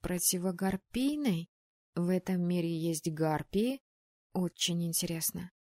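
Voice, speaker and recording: A flustered young heroine from another world, quick to indignation. Her voice is soft and mellow in a dry, close recording, as a woman reader plays her. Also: fairly low pitch, no echo, close to an everyday voice. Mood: curious. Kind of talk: audiobook narration.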